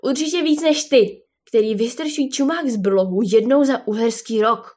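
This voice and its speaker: An indignant female llama who snaps and hisses with anger, played by a woman reading a storybook. Her voice sits a little high and bristles with fury. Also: lively intonation, a little mellow, husky. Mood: furious. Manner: snapping, hissing with anger.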